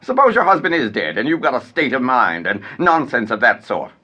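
A man's voice: mid-range voice, sing-song, brisk, pushed and bright, breathy edge, lo-fi sound, heavily acted. An actor playing a blustering, irate male landowner who has come to collect a debt, ranting with theatrical outbursts. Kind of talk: stage play acting.

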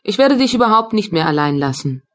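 A woman voicing a tender, anxious young woman in an audiobook, speaking gently and caringly to her partner. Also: medium pitch, very animated, a little fast, natural voice. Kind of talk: audiobook dialogue reading.

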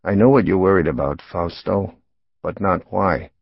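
A man voicing a calm, calculating mob boss who speaks in a measured, coolly reassuring way. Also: sits low, vocal fry, husky, dry recording, dull audio, heavily acted.

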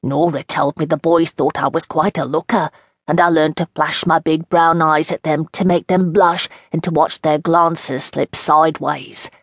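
A woman's voice: low-pitched, steady tone, normal speed, husky, no echo, clean studio sound. A woman reading an audiobook as a chatty woman in her seventies with an East End London accent, homely and rambling. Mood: reminiscing. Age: 70s. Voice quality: homely, rambling, dialect grammar. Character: frail chatty old East End woman, long institutionalised. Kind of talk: audiobook narration in character.

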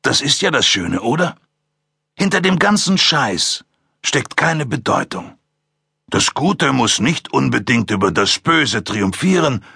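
A man's voice: medium pitch, sing-song, gravelly, sharp tone, slightly rough, no echo, studio quality, pitched above the performer's own voice, full character voice. A man voicing a mocking, amused killer. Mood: taunting. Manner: mocking, taunting, drawn-out delivery. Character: calm amused male serial killer, condescending.

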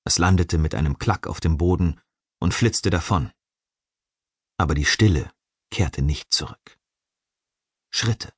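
A man reading an audiobook in measured, suspenseful narration. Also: low voice, breathy edge, no room sound, studio quality. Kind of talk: scripted narration.

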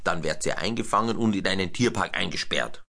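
A man's voice: sits low, quick pace, bright, forceful tone, heavily acted. A man doing a stern scolding elephant. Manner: firm, scolding.

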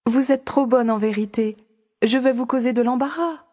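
A woman's voice: a little high, moderate pace, mellow, lightly acted. A young woman voicing a timid, innocent young woman in an audiobook drama, polite and hesitant, pleading. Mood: shy. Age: young adult. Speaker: audiobook voice actor. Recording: long reverb.

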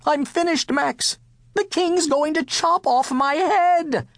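A man's voice: on the high side, sing-song, slow pace, no room sound, studio quality, full character voice. A man voicing an anxious, devoted royal cook in a storybook, earnest and pleading. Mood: despairing.

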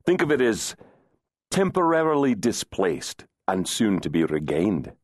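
A stern, proud Scottish laird, voiced by a man narrating an audiobook, with a Scottish accent and a clipped, restrained growl. His lowish voice stays tightly held. The recording is close and dry. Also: very animated, unhurried, no echo. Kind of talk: audiobook character voice.

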